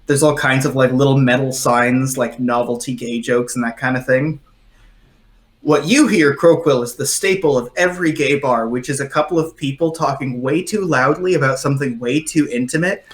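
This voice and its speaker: A man's voice: medium pitch, normal speed, echoey room. Male game master, rambling narration. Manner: descriptive, filler-heavy narration.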